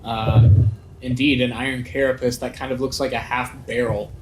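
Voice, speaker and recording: Halting man narrating as game master. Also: mid-range voice, little pitch movement, a little hiss or hum, poor audio. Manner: halting, descriptive. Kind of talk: improvised tabletop game narration.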